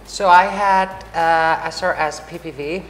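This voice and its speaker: Interviewed casually in a spacious, bright hall lined with wood screens, this talkative low-voiced woman from Iceland speaks unhurriedly in a steady tone, with many fillers and false starts. Her lapel mic adds a little hiss or hum, and the hall gives a roomy echo with faint ambience.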